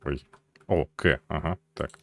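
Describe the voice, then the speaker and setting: A man's voice: a bass voice, steady tone, unhurried, creaky, a bit bright, a little hiss or hum. A man giving casual let's play commentary in short, offhand, muttered reactions. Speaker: gamer.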